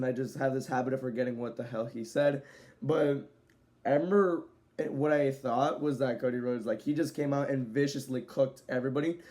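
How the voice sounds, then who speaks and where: A man talks through a casual video review in a loose, rambling way at a mid-range pitch. He leans on easygoing fillers between points and sometimes rushes ahead. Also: darkish tone. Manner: rambling, loose delivery with frequent "so, yeah" fillers; at times speeds up. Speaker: wrestling show reviewer.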